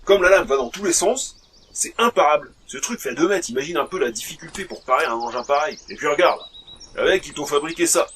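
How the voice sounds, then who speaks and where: Man playing a high-voiced, emphatic fantasy adventurer. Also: a little hiss or hum, close to an everyday voice. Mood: enthusiastic, instructive. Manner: slangy, emphatic. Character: male adventurers in a fantasy saga, excitable and bossy. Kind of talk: French fantasy audio saga acting. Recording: music under the voice.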